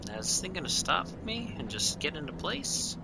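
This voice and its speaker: Man, game streamer, lively swooping intonation, folksy casual self-talk, clearly noisy game background. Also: a little high, normal speed. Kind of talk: casual gameplay commentary. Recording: loud game noise behind voice.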